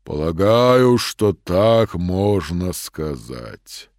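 A man voicing Death, a huge dark shadow, in a storybook reading, speaking slowly and solemnly in a drawn-out way. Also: low-pitched, big pitch swings, no room sound, clean studio sound, pitched below the performer's own voice, exaggerated voice. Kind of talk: audiobook storytelling.

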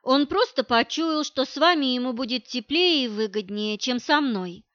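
A woman's voice: high-pitched, lively intonation, normal speed, fairly bright tone, no echo, highs cut off. Woman reading as a cold, scornful wife. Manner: curt, dismissive, talks down. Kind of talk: audiobook reading.

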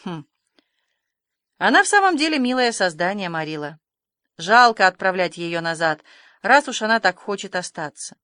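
A woman puts on a bashful older farmer from a storybook, hesitant and mumbling, his words coming out soft and halting. The sound is dry and close, with nothing around the voice. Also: mid-range voice, big pitch swings, dry recording. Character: shy, gentle older male farmer.

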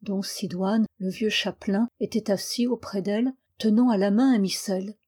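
A woman reading a novel aloud as an audiobook, giving the characters expressive voices. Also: medium pitch, moderate pace, breathy edge. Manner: voices characters with emotion, rising to anguished cries. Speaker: audiobook reader.

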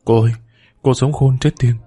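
A man's voice: medium pitch, steady tone, moderate pace, warm tone, husky, soft background music, natural voice. A man voicing an anxious devoted caretaker woman. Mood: worried.

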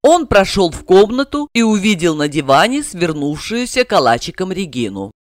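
Lively woman narrating an audiobook. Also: on the low side, normal speed, dry recording, clean studio sound. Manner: lively, dramatic reading.

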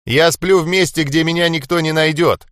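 A man's voice: on the high side, fairly even intonation, normal speed, no room sound, clean studio sound, pitched above the performer's own voice, close to an everyday voice. A man voicing a brash, jeering fighter. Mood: mocking. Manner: loud, jeering, laughing taunts. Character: brash cocky swearing male fighter, mocking. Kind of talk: audiobook character voice.

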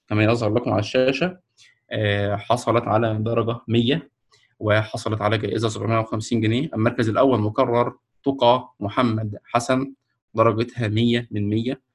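A man with an Egyptian Arabic accent announces the winners of a Quran memorization course on a video call, speaking slowly and hesitantly, with many fillers and restarts. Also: medium pitch, steady tone. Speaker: ceremony host announcing winners. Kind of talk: ceremony announcement. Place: online video call presenting a screen.

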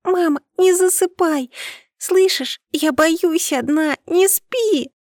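A small frightened girl begs and coaxes in a high, tearful voice, as a woman reader puts her on. The audiobook voice is set close and dry, with no room around it. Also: takes it slowly, darkish tone, no echo. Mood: tearful pleading. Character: frightened little girl, crying daughter. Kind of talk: audiobook character voice.

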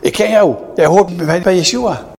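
A man's voice: moderate pace, darkish tone. A man voicing a young servant girl who insistently accuses someone. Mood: accusing. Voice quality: high-pitched.

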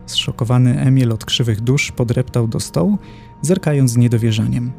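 A man narrating a horror audiobook in a low, grave and deliberate manner. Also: gravelly, darkish tone, faint music behind.

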